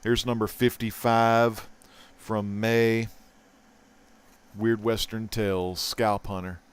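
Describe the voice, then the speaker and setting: Chatty, excitable man with a smooth voice. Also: lowish voice, slow. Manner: excitable, chatty, swinging loud to mumbled. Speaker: host. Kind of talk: casual comic haul vlog.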